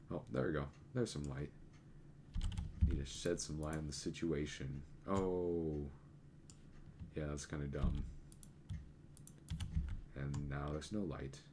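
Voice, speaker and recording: Man, very low voice, casual gameplay commentary, thinking aloud, loud keyboard clicks behind. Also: noisy background. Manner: rambling, self-correcting, thinking aloud. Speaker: let's play gamer. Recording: keyboard clicks and typing audible. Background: computer keyboard clicking.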